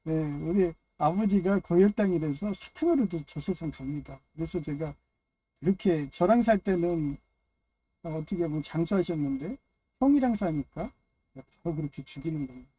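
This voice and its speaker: A man's voice: fairly high pitch, expressive, moderate pace, dark tone. A man giving a loose, rambling personal monologue on faith and family, dropping frequent "yes" fillers between phrases. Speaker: speaker of a personal religious talk.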